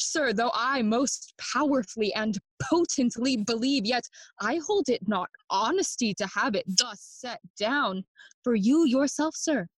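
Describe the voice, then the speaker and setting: In a low-quality recording with no echo, a woman with a high, husky voice gives a heavily acted, slow, sardonic young Prince Hamlet, melancholy and feigning madness. The mood is mocking, the delivery theatrical, switching between English and Spanish for a classical Shakespearean audio play.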